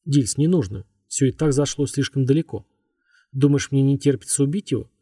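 A man reading a calm, steady young woman who tries to restrain the others. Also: mid-range voice, a little fast, husky, dry recording, clean studio sound, lightly acted. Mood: pleading.

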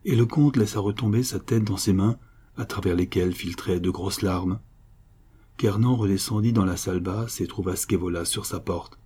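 A man reading a classic novel aloud in steady, even storytelling narration. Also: deep voice, moderate pace, slightly rough. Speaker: audiobook reader.

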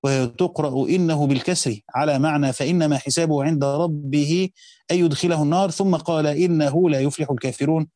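An Egyptian man reads a classical text at a rapid clip in a mellow, dark voice. He pauses to explain grammar in a slower, conversational tone. The recording is dry and close to the mic. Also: fairly high pitch, fairly even intonation, no room sound. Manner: reads quickly, slows down to explain points of grammar. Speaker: teacher reading and explaining a Quran commentary. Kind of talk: reading a classical text aloud with spoken explanations.

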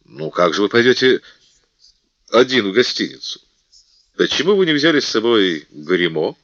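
A man's voice: lowish voice, sing-song, normal speed, a bit bright, no echo, highs cut off. D'Artagnan, a hearty musketeer captain, read by a man. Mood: persuasive. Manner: hearty, persuasive, teasing. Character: bold, jovial middle-aged musketeer captain.

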